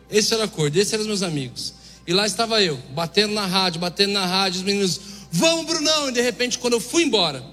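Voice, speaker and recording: Brazilian guy preaching, high voice, acts out all the dialogue, reverby hall. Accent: Brazilian Portuguese. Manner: lively storyteller who acts out dialogue. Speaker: preacher giving testimony. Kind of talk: storytelling sermon. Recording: echoey hall with faint music.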